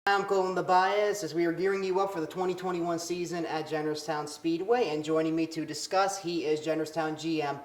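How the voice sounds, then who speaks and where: This student reporter covers sports and news and conducts interviews, a young American man with an announcer-like, presentational broadcast manner. He sounds a little high and fairly quick, with a flat delivery and hardly any pauses.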